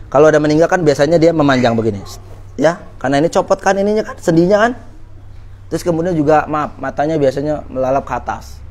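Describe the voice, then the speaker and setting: A man's voice: fairly high pitch, expressive, quick pace, a little mellow. A man preaching an Islamic study lecture to women, in a conversational way, often putting questions to his listeners. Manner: conversational, asks the audience questions.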